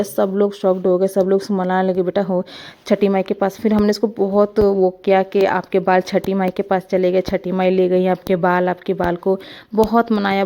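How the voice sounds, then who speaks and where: Soft-spoken low woman vlogging. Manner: heartfelt, rambling, addresses viewers as guys. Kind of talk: emotional casual vlog narration.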